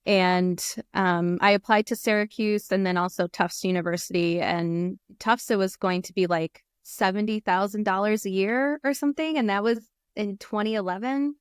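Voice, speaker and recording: An American guest in her thirties talks casually in a video-call interview from a small room, using an earphone headset. Her medium-pitched voice holds a steady tone at a moderate pace with few pauses, though she laughs often and uses many fillers. The tone is clean, with no echo and clean studio sound.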